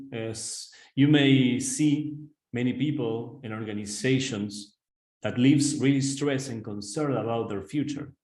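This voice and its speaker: An Argentine executive coach with an Argentine Spanish accent gives a webinar presentation over a video call in a mid-range, slightly mellow voice. He is earnest and direct with his audience, frequently checking in with "right?". The audio is poor and the room echoes.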